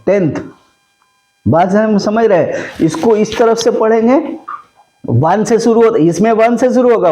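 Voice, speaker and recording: High-voiced teacher, echoey room. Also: male voice, warm tone, muffled recording. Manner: keeps checking if students follow; mixes Hindi with English terms. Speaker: maths teacher. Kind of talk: classroom maths lesson.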